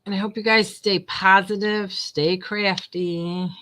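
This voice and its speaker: Her voice is medium in pitch, steady and measured, with a bright, forceful tone. She's an older woman laughing often and rambling casually while crafting on a livestream, recorded noisily at home.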